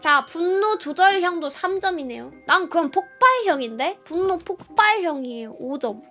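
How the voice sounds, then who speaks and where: A young woman streamer with a very high voice reads workbook questions aloud and snaps back at them in a sarcastic, irritable tone, now and then breaking into loud yelling. Her voice sounds bright and sharp, and faint music plays quietly behind her. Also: lively intonation, normal speed. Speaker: live streamer. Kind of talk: reading a workbook aloud with grumbling commentary.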